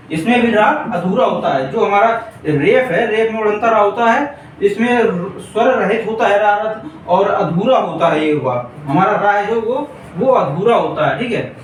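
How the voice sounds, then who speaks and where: A man teaching a Hindi grammar class for exam preparation, repeating points and checking in with his students often. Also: sits high. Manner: repetitive, keeps checking in with the class. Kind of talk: exam-prep grammar lesson at a board. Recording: echoey room, distant mic, faint hiss.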